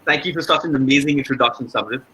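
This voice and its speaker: A man's voice: medium pitch, racing, sharp tone, slight background noise, rough recording. A young man moderating a panel with formal, scripted introductions.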